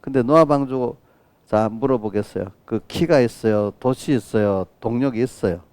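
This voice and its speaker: Delivering an early-morning sermon, a middle-aged pastor talks with his congregation, frequently tossing in "right?", and voices quotes from children and God himself. He speaks at normal speed in a mid-range, darkish voice, with no room sound.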